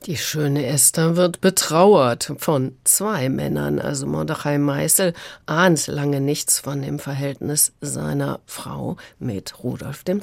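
A woman literary critic giving a measured radio review that is appreciative but frank. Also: low-pitched, creaky, darkish tone, dry recording.

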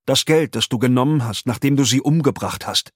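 A man voicing a hard, menacing police officer interrogating a suspect, with a hoarse edge. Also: medium pitch, fairly quick, no room sound, clean studio sound, close to an everyday voice. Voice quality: hoarse, urgent.

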